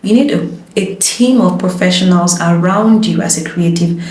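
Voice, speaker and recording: A woman's voice: fairly low pitch, normal speed, a little mellow. Passionate woman giving advice. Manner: passionate, emphatic, advising. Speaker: guest, lawyer and voice-over artist. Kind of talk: casual conversation. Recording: roomy echo.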